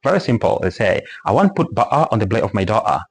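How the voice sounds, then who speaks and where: A husky man with a fairly low pitch and big pitch swings gives a relaxed English pronunciation lesson. He explains step by step, slowly repeating example words aloud.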